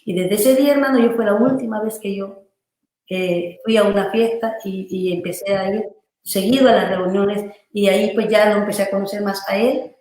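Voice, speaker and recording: A woman's voice: medium pitch, steady tone, normal speed, darkish tone. Woman pastor in a very echoey room. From Honduras. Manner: earnest, loose storytelling with frequent "¿verdad?" and "hermano" tags. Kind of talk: telling a personal testimony in an interview.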